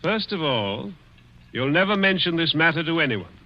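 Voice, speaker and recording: In a 1940s radio drama, an actor plays a cruel, dying rich man who taunts others with sly chuckles, sounding menacing. His voice is fairly high with big swings in pitch at a normal speed, and the old broadcast sounds dull.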